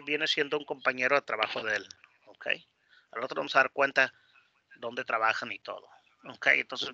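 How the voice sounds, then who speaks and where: A man with a medium-pitched, sharp voice teaches English in an online video class, explaining a dialogue and often repeating words while he searches for the next. He's on a close, dry mic, and the class audio is dull and lo-fi.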